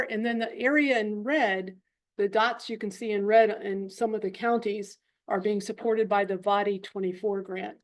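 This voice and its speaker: A woman, a program director, giving an update to a commission, explaining step by step with frequent ums and uhs. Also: mid-range voice. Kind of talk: presentation to a commission. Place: public meeting room.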